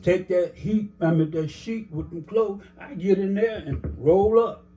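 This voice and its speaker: A man's voice: high-pitched, unhurried, dark tone, poor audio. An older man telling his life story in a casual interview, rambling with many "you know"s and acting out the dialogue he recalls.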